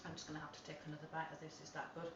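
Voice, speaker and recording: A woman's voice: sits low, monotone, very fast, noisy background. Chatty woman in a roomy kitchen. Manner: chatty and encouraging, addresses viewers as guys. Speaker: cooking channel host. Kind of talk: casual recipe demonstration. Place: home kitchen. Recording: roomy, off-mic, slightly dull sound.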